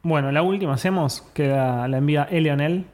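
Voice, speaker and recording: A man with an Argentine Spanish accent and a somewhat higher voice co-hosts a laid-back podcast. He banters and teases playfully. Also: fairly quick, a little mellow. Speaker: podcast co-host. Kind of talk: casual chat.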